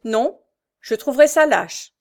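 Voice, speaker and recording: A woman's voice: high voice, expressive, measured pace, a little mellow, voice pushed up. Female reader as a meek, frail little man, pleading and timid, storybook. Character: meek frail small knife-grinder brother, man.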